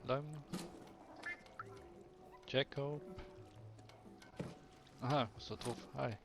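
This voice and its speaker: A man with a Swiss German accent chats slowly through a livestreamed game, his voice gravelly with fry. He mutters half-sentences to himself and coaxes the game's cat. Game music plays clearly behind him. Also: medium pitch. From Switzerland. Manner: mumbled asides, talks to the game's cat. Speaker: livestreamer playing a video game. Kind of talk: casual let's-play commentary.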